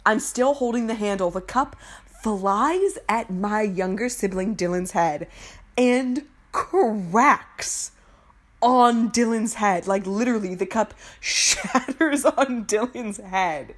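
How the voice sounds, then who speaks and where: A young woman telling a childhood story in casual chat, animated and profane, laughing often and squealing when she acts out her younger self. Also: mid-range voice, slow pace.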